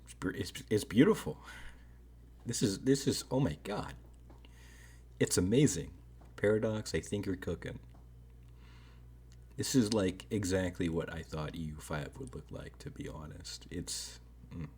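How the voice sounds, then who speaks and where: Deep husky man musing casually. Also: animated, measured pace, long pauses, darkish tone. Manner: rambling, hedging, frequent "right?" tags. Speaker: strategy game commentator. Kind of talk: casual video commentary.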